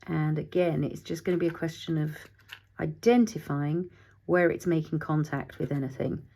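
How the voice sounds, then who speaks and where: A woman's voice: deep voice, steady tone, normal speed, warm tone, a little hiss or hum. A middle-aged woman hosting a casual craft tutorial, chatting as she works, thinking aloud and talking to her materials, sometimes dropping to a whisper.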